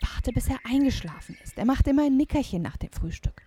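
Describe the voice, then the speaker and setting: A woman voicing the giant's big wife, gruff on the surface but kind underneath. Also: high voice, expressive, brisk, dark tone, slight background noise, pitched above the performer's own voice. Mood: bossy. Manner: scolding, urgent.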